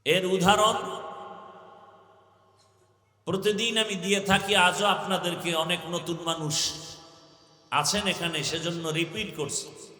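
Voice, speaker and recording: High-voiced Bangladeshi preacher, echoey hall. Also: male voice, fairly even intonation, takes it slowly, long pauses. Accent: Bangladeshi Bengali. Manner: call-and-response questions to the crowd, bursts of shouting. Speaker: Islamic preacher. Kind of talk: waz sermon. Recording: echoey hall with long reverb.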